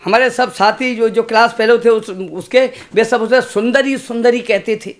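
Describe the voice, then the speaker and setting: A man's voice: very high-pitched, steady tone, normal speed. A man in his sixties, a comic poet reciting humorous verse on stage, repeating lines and making chatty asides to the audience.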